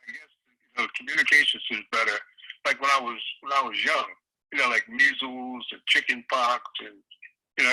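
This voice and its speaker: Older man, raspy, on a tinny speakerphone. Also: mid-range voice, sharp tone. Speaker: interview guest, community elder. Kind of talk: casual phone interview. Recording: tinny phone line over speakerphone.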